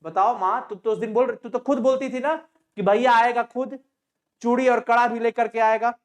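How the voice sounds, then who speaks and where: A man's voice: very high-pitched, fairly even intonation. A male teacher walks students through a play, narrating each scene. He stops often to quiz them with short questions. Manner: retells the scene, quizzes students with quick questions. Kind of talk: explaining a Hindi play to students.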